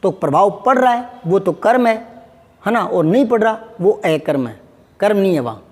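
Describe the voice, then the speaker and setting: High-voiced male teacher in a reverberant space. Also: animated, moderate pace. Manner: patient, repeats examples and asks the class questions. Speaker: Hindi grammar teacher. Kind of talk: classroom lesson.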